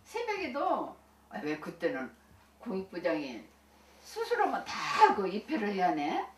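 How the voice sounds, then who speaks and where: A woman's voice: mid-range voice, huge pitch swings, measured pace. An older woman, a senior Buddhist minister, telling stories from her life in a folksy, chatty way with frequent laughter. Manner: folksy and chatty, laughs often, many restarts. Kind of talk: recounting life experiences to listeners. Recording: echoey room, distant mic, faint hiss.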